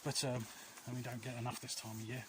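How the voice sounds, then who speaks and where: Strolling through alleys outside, this vlog host speaks quickly at a medium pitch with a level tone. His chat with viewers is casual and meandering, full of sincere, comforting advice, and he frequently loses track of what he was saying amid clear outdoor noise.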